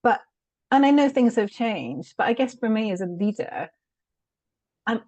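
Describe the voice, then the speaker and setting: This middle-aged British woman, a change consultant guesting on an interview show, sounds a little high, very animated, and unhurried, with a darkish tone. She reflects on her work in a candid, chatty way full of laughs and fillers, and the recording is dry.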